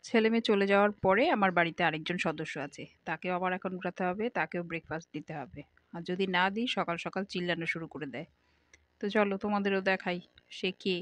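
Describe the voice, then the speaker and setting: A woman's voice: lowish voice, fast, no echo. A middle-aged woman, chatting casually to viewers in a home vlog while doing kitchen chores. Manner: chatty, homely, addresses viewers directly. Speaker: vlogger.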